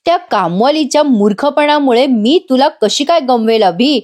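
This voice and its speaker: A woman doing a shrill, scheming jealous woman. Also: expressive, moderate pace, a little mellow. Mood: defiant taunting. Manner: sly, taunting, mock-innocent.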